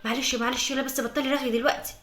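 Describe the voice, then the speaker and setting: A woman voicing a caring, busy Egyptian mother who talks briskly and soothingly in a family skit. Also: high-pitched, level tone, fairly bright tone, echoey room. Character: caring busy mother hurrying her daughter.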